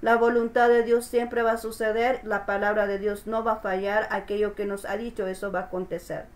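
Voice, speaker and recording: A woman's voice: mid-range voice, flat delivery, a little fast. A woman pastor preaching a sermon, emphatic and repeating her phrases, often asking her listeners for agreement.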